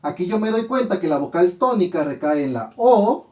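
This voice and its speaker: Man, high voice, grammar teacher, methodical, syllable by syllable. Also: lively intonation, darkish tone. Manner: methodical, spells out syllables slowly. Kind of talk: grammar lesson.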